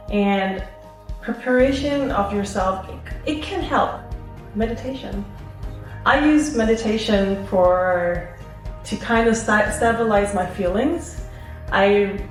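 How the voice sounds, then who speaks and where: A woman from Sweden answering audience questions at a seminar, giving earnest advice and acting out little inner voices. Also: medium pitch. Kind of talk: seminar Q&A talk. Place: seminar hall. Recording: echoey hall, far from the mic, faint music.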